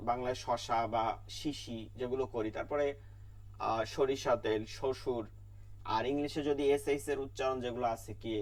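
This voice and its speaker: A man's voice: medium pitch, steady tone, normal speed, distant mic. A man teaching an online Quran class, repeating letter sounds again and again and asking and answering his own questions.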